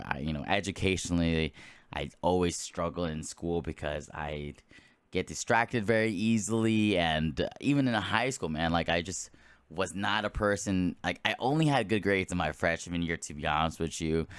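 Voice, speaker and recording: A man's voice: low-pitched, fairly bright tone, clean tone, no echo. A man in his late twenties hosting a solo podcast, talking casually in a rambling way with lots of fillers and restarts. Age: late 20s. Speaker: podcast host.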